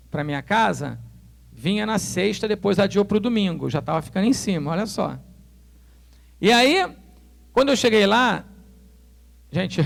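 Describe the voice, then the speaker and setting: Animated high-voiced male pastor, gravelly. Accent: Brazilian Portuguese. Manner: animated storytelling, acts out dialogue. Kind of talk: sermon storytelling.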